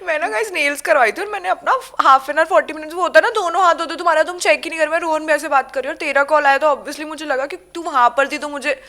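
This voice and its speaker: A woman's voice: sits high, quick pace, hardly any pauses, bright, forceful tone. A young Indian woman with an Indian accent, co-hosting a podcast and chatting casually, mixing Hindi and English. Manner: chatty, switches between Hindi and English mid-sentence. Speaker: podcast co-host. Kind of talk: casual chat.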